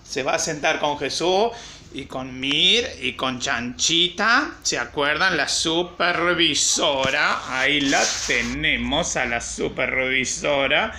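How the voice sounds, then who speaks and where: Brief: slow, playful Argentine teacher. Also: female voice, sits low, slight background noise. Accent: Rioplatense Argentine Spanish. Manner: playful and warm with children, stretches words for teaching. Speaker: primary school teacher. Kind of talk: slow, clearly spoken remote lesson for children.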